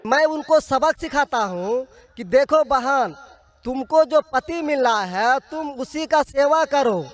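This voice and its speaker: Man, audience questioner, very high pitch, polite hesitant replies. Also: expressive, takes it slowly. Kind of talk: public debate question.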